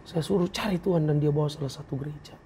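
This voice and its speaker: A man's voice: on the high side, fast talker, dark tone, slight background noise. A man giving an earnest, emotional personal testimony as an interview guest, acting out the words of others as he tells it. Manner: earnest, emotional, acts out quoted speech.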